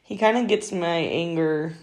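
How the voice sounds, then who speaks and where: A young woman co-hosting a podcast, chatting casually at a slightly low pitch. She teases her partner and laughs easily as she talks. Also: unhurried, crowd noise. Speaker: podcast co-host. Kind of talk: casual chat.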